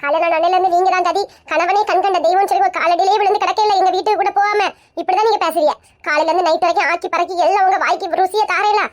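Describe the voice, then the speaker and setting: Resentful, hurt young bride with a Kanyakumari Tamil accent, played by a woman, high-pitched and rapid. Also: fairly even intonation. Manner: resentful, pleading.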